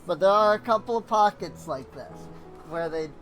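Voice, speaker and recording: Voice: mid-range voice, animated, normal speed, a bit bright, soft background music. A gamer giving casual commentary while playing through a game.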